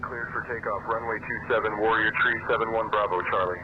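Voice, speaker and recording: A man reading fast, clipped aviation radio calls, heard over a cockpit headset radio. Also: on the low side, fairly even intonation. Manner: clipped, rapid aviation phraseology. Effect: cockpit headset radio transmission. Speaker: simulated air traffic radio voice. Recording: muffled radio with loud game noise.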